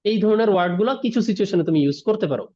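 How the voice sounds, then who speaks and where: Over a video call, a man teaches an online English class in a high, animated voice with a dark tone, racing as he explains word meanings one by one, mixing in English terms, and asking "ঠিক আছে?" after each point. The online-class audio is dull and lo-fi.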